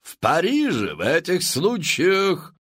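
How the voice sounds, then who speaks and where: A man's voice: on the high side, wildly swooping pitch, slow pace, husky, no echo, studio quality, voice pushed up, full character voice. A man voicing a pompous, showy female fashion queen who sells to a crowd in a theatrical, grand manner. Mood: loud scheming. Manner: theatrical, grand, rising to loud exclaims.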